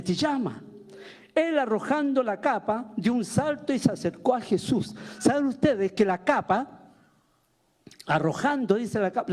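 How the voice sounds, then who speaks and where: A man's voice: high-pitched, darkish tone. A man preaching a sermon as pastor, firing rhetorical questions at the congregation. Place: church.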